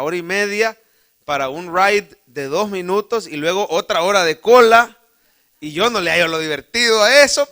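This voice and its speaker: Speaking in a high, pushed and bright voice, a Salvadoran-accented pastor shares a funny, homespun story from his own life from the church sanctuary, calling the congregation brother.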